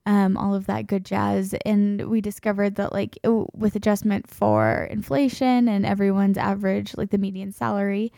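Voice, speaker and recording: A woman's voice: medium pitch, level tone, moderate pace, creaky, few pauses, dark tone, dry recording, studio quality. A young woman co-hosting a podcast in a chatty, casual way, full of fillers. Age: young adult. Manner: chatty, with frequent fillers and laughs. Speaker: podcast co-host. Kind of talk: casual chat.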